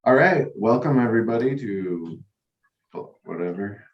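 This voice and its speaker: A man's voice: fairly low pitch, animated, unhurried, lo-fi sound, crowd noise. A man hosting a casual podcast chat in a laid-back way, with crude jokes. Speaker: co-host.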